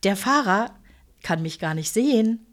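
A woman voicing a calm, teasing female angel in biker leathers who speaks gently and familiarly, at times in a whisper. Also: medium pitch, a little slow, lightly acted.

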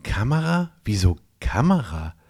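A man's voice: lowish voice, big pitch swings, unhurried, a little mellow, breathy edge, full character voice. A man voicing a tiny, pompous male gnome who grants wishes, reciting magic rules in a fussy, officious way. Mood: puzzled. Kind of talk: audiobook role reading.

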